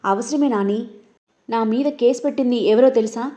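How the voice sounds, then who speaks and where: A man's voice: very high voice, moderate pace. A woman voicing a brooding, hot-tempered young husband who speaks sternly and sharply, in a narrated audio story. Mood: angry. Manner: stern, sharp when angry.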